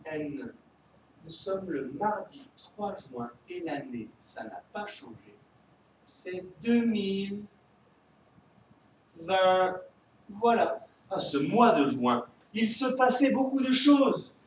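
A man with a French accent teaching young children from home, his voice high for a man and lifting in a sing-song line. He talks slowly and patiently, stretching his words. He sounds set back from the mic in a very echoey room. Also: far from the mic, a little hiss or hum. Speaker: kindergarten teacher. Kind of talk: remote classroom lesson for young children.

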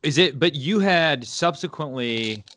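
A man's voice: on the high side, lively intonation, unhurried, fairly bright tone. A man from the United States hosting a podcast interview, asking curious questions with a joking touch. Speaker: podcast host. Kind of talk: casual interview chat.

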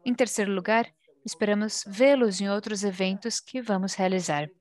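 A woman with a Brazilian accent interpreting a formal speech live, phrase by phrase with pauses. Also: medium pitch. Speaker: simultaneous interpreter.

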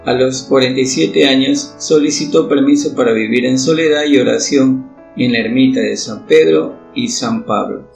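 Man, recited prayer, solemn and pleading, gravelly voice, very echoey long-reverb room. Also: medium pitch. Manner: solemn, pleading, measured delivery. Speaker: prayer reader. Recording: very echoey reverberant room, soft guitar behind.

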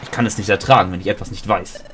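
A man's voice: low-pitched, fairly even intonation, quick pace, fairly bright tone, slight background noise. A man playing a video game and reading all of its dialogue aloud, with small slips and restarts. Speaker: let's player.

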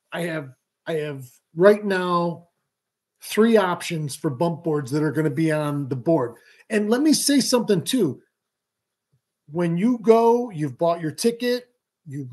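Streaming a live fishing show from a small room at home, this host speaks in a voice on the high side with a darkish tone. His casual explanations are full of ums and restarts, and he talks with his hands. The sound is picked up by a webcam or laptop mic, framed like a video call.

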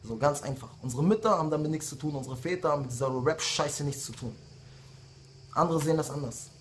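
Man, late 20s, rapper, angry rant, insulting, somewhat high voice. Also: fast talker, a little hiss or hum. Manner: heated, insulting rant with repeated jabs. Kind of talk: angry diss video message.

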